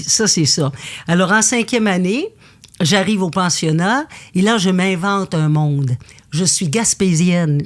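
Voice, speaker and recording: A woman speaks as a guest in an intimate conversation, her voice sitting a little low. She tells her stories with intensity and animation. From Quebec, Canada. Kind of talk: candid conversation.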